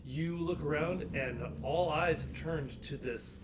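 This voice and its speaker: A man running a tabletop game as game master, narrating in a relaxed way with frequent pauses. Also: a little high. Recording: distant mic with faint noise.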